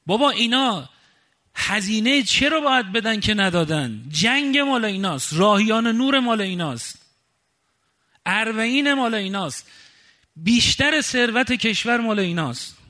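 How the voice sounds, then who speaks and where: A man's voice: high-pitched, lively intonation, pushed and bright. A man from Khuzestan in Iran preaching a fiery, indignant sermon full of rhetorical questions. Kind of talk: impassioned sermon.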